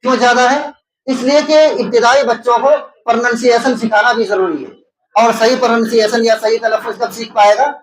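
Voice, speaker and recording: Man, high voice, Indian Urdu accent, exam-prep teacher, asks and answers his own questions, echoey room. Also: fairly even intonation. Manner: repeats key terms and explains them.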